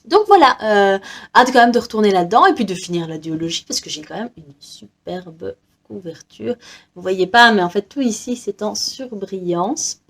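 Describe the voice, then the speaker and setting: A young woman from Belgium chatting casually about her reading list, hesitant with many fillers and frequent small laughs. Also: medium pitch. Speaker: book vlogger. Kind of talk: casual book haul chat.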